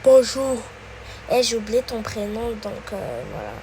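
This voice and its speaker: A woman hosting her own video, chatting casually to viewers in a slow, hesitant way with many fillers. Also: medium pitch, big pitch swings, darkish tone, slight background noise, poor audio. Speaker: channel host.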